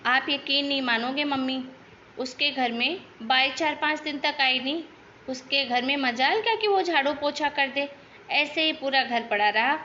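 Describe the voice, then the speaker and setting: A woman's voice: high-pitched, normal speed, bright, forceful tone, dull audio, a little hiss or hum. A woman voicing a chatty young daughter-in-law in a cartoon, complaining about her in-laws. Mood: gossiping. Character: gossipy young daughter-in-law, lazy and talkative. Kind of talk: cartoon voice acting.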